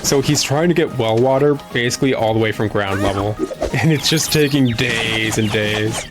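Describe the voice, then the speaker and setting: A man's voice: mid-range voice, normal speed, over music. A man giving casual, rambling, informal commentary as he plays a video game. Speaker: video game let's player.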